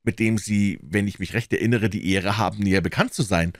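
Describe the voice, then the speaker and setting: A man voicing a smooth, evasive older male asylum director with a lively, insisting manner. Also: lowish voice, brisk, no room sound, studio quality, voice pushed down, lightly acted. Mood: insistent, courtly.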